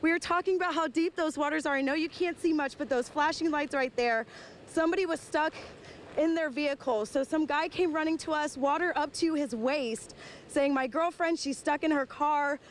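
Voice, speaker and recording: A woman's voice: high voice, brisk, slight background noise. A woman field reporter out of breath, giving an urgent, flustered live report outdoors in a storm.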